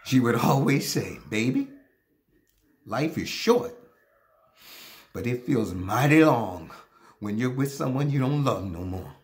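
A man in his fifties playing an anguished husband in a failing marriage, in a hammy, theatrical stage monologue with emphatic delivery and drawn-out pauses. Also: medium pitch, big pitch swings. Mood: rueful, resigned. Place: small plain room indoors.

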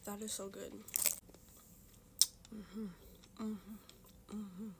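A woman talking while chewing candy, softly murmuring "mm-hmm" between short remarks in a casual taste-test vlog. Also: medium pitch, level tone, extremely slow, heavy background noise.

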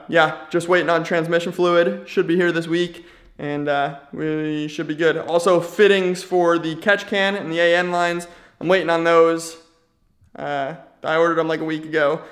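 A man's voice: fairly high pitch, a bit bright. A man casually vlogging a car build from his home garage, laid-back and slangy, thinking aloud with easy fillers. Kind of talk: casual chat to camera.

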